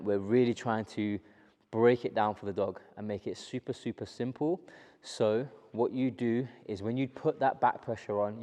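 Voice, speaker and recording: A man working as a dog trainer, explaining his method to the camera in a calm, steady way and repeating the key points. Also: fairly low pitch. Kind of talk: instructional talk to camera.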